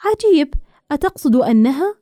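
A woman doing a gushing, high-voiced young woman. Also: expressive, brisk, mellow, no echo, clean studio sound. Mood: excited gossip. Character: excitable, gossiping young woman.

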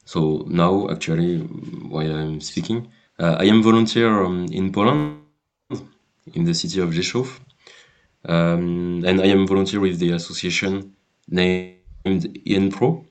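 Deep-voiced young man, halting. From France. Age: 20s. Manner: hesitant, repeats words, clears throat. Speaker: guest. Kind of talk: casual podcast interview.

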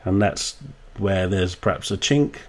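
A man's voice: low voice, measured pace. A man with a Suffolk accent speaking as a coach being interviewed, candid and casual, reflecting and sometimes acting out bits of dialogue. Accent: Suffolk English. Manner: candid, swears casually, acts out quoted dialogue.

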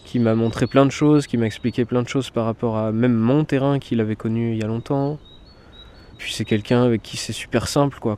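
Hesitant young man in his twenties. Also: medium pitch. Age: 20s. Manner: relaxed, hesitant, frequent fillers and restarts. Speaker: forest cabin dweller. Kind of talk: casual documentary interview. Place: in a forest cabin.

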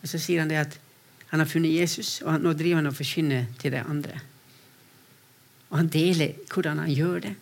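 A man preaching a sermon to a congregation, earnest and storytelling, often restarting phrases and moving between quiet and raised delivery. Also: fairly high pitch, fairly even intonation, creaky, long pauses. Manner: earnest, repeats words when restarting, shifts between soft and raised voice. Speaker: preacher speaking for a mission to persecuted Christians. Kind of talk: sermon with personal stories.

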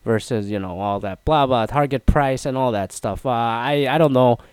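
Recorded without room sound, a man with a medium-pitched, smooth, slightly mellow voice talks at normal speed. He's a podcast host running a laid-back solo show, rambling and self-deprecating, stuffy and nasal with a half-gone throat.

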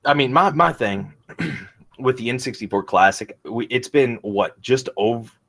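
A man's voice: mid-range voice, unhurried, a bit bright. A man co-hosting a casual gaming podcast, easygoing and hesitant, often restarting his sentences. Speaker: podcast co-host.

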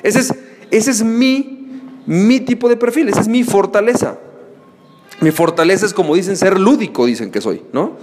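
This solo podcast host has a high voice with lively intonation and a moderate pace, and he sounds like he's in a large hall. He's a playful storyteller, animatedly acting out voices such as friends shouting.

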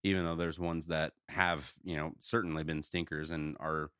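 A man's voice: rumbling low, level tone, moderate pace, sharp tone, clean tone, no room sound, studio quality. A man hosting a recap podcast in casual, riffing chat, speaking with an incredulous, sometimes profane edge. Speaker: podcast host.

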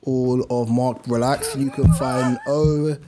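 A man's voice: medium pitch, fairly even intonation, slow, crowd noise. A man hosting a casual podcast, wrapping up the episode in a rambling, joking way. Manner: rambling, loses his train of thought. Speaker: podcast host.

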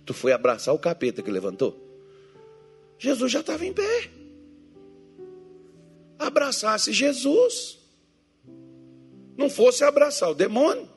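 A man's voice: very high voice, wildly swooping pitch, measured pace, long pauses, faint music behind. A man preaching a joking sermon as pastor, teasing his congregation and acting out Bible figures and churchgoers in different voices.

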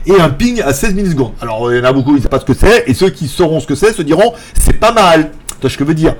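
A man hosting a casual tech live stream, rambling and joking, laughing often and mimicking other people in a high voice. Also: animated, fast. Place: apartment in Thailand.

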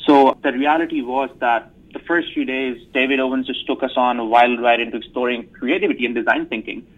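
A young man from Pakistan talks about his studies with eager energy, slipping into little laughs. His voice sits mid-pitch and comes through thin and tinny, like a phone line. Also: steady tone, brisk. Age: young adult. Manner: eager, laughs often, quoting others in asides. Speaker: university student guest. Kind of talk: conversational interview.

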